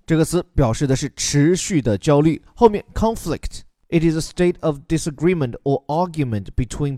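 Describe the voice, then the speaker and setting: A man's voice: a little high, mellow, no echo, clean studio sound. A man who teaches as a podcast host, patiently explaining an English news article word by word with examples.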